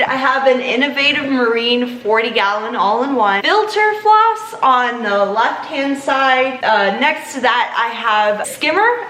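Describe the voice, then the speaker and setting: A woman's voice: high-pitched, sharp tone, reverberant. A young woman with a New Zealand accent, chatting casually and giggling as she answers questions about her reef aquarium at home. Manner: chatty, giggly, lots of fillers. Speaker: reef aquarium channel host. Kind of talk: casual Q&A chat.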